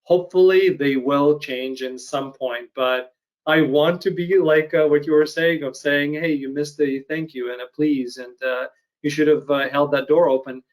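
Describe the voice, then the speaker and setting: A man's voice: a little high, fairly even intonation, low-quality recording. Thoughtful man from Ukraine, video call. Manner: thoughtful, measured, hesitant with fillers. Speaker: podcast host. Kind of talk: casual interview chat.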